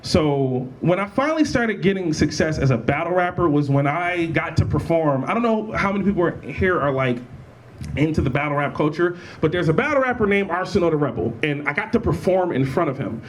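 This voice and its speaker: A young man speaking as a panelist at a convention, animated and laughing often, with lots of restarts. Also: a little high, fairly quick, a little hiss or hum. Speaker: panelist, battle rapper. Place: college event room.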